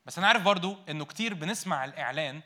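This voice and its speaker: A man with an Egyptian Arabic accent delivers a sermon in a rapid, bright and forceful voice, set a little high for a man. He keeps asking the congregation questions and answering them himself, jumping from loud emphatic bursts to low, hushed asides. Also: animated. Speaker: preacher.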